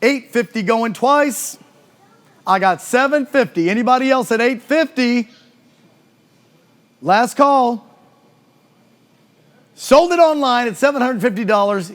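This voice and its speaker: A high-voiced man calls a live charity auction. He fires off bids in an urgent, repetitive chant, pushing numbers over and over and exhorting bidders to go higher. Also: expressive. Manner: urgent rapid-fire bid chanting, repeating numbers; exhorting, folksy patter between bids.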